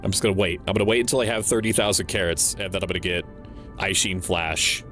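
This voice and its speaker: A man's voice: sits low, level tone, fast talker, fairly bright tone, soft background music. A man livestreaming a game, thinking aloud in casual commentary with a playful, sweary manner. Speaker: livestreamer, VTuber. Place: indoor livestream setup with game music behind.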